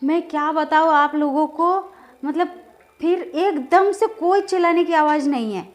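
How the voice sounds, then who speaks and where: A woman in her thirties vlogging, telling a personal story in a rambling, hesitant way with many filler words that turns agitated and loud. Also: high voice, measured pace. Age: 30s. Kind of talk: casual storytelling vlog.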